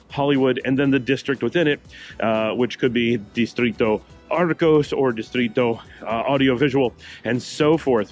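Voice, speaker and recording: A middle-aged man narrates a walking tour outdoors, speaking into a camera held at arm's length. His voice sits slightly high for a man, and he rambles easily with fillers and asides. Faint music plays quietly underneath. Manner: chatty, meandering asides with fillers. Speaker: travel vlogger. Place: city sidewalk outdoors. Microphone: handheld camera at arm's length.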